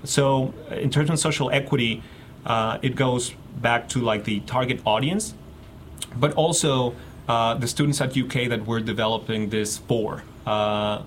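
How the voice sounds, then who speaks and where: A man's voice: mid-range voice, fairly even intonation. Man from Mexico, interview guest; mid-range voice, stop-start delivery, light room noise. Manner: halting, many fillers and repeats. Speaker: guest researcher. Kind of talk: radio interview.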